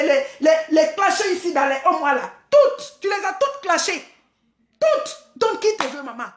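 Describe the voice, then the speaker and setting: A woman from Senegal ranting in a live stream, hurling vulgar, mocking insults, repeating herself and often shouting. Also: extremely high pitch, roomy sound.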